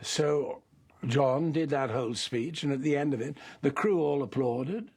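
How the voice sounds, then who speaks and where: A man's voice: mid-range voice, unhurried, a little mellow, slightly rough. An older man, an actor interviewed about his past work, telling anecdotes in a reflective way. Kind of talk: reminiscing interview.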